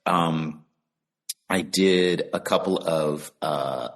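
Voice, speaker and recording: His voice is very deep. He's a man from the Bahamas who acts and narrates audiobooks, and he talks about that work in a relaxed video interview, stopping now and then to think.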